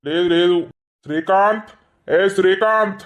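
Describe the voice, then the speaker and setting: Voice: medium pitch, a little slow, close to an everyday voice. A performer voicing a stern male village police officer, issuing brusque commands.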